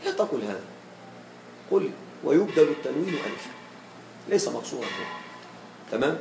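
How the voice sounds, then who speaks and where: A teacher in an echoing classroom. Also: male voice, fairly high pitch, sing-song, vocal fry, background noise. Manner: checks with students, slows to model examples. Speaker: grammar teacher. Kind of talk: classroom lesson.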